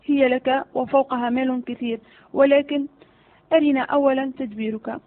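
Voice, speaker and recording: A woman's voice: high-pitched, fairly even intonation, normal speed, lightly acted. A woman reading the part of an irritable male vizier who threatens and demands answers. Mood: impatient. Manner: impatient, menacing. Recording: phone-like narrow audio.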